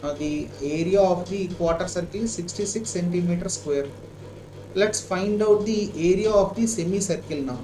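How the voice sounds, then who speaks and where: High-pitched Indian male maths teacher, echoey room. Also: normal speed, warm tone. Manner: repeats himself and asks checking questions. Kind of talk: live online lesson, working a problem aloud. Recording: echoey room with clear background noise.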